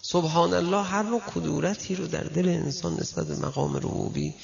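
A male preacher with a gravelly, fairly high voice delivers a sermon, telling stories and addressing his listeners directly. The recording is dull and lo-fi. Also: crowd noise. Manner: storytelling, addresses listeners directly, animated quoting.

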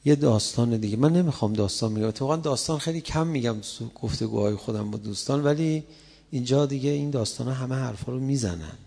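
A man giving a colloquial religious sermon, telling stories in a conversational way and building up to loud, impassioned passages. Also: medium pitch, vocal fry. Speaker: preacher.

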